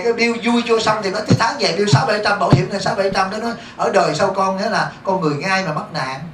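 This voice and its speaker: A male monk with a Southern Vietnamese accent gives a dharma talk to a congregation in a temple hall, speaking in a high voice with quick delivery. He is lively and keeps putting rhetorical questions to the audience. The room is echoey, the mic is distant, and there's a little hiss or hum.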